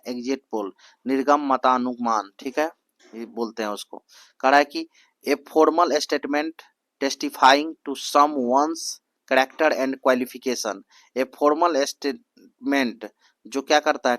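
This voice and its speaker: A young man teaches an exam-prep lesson. He repeats each answer several times, asks "what is it called?" after each one, and reads English prompts slowly word by word. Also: medium pitch, fairly bright tone, no room sound.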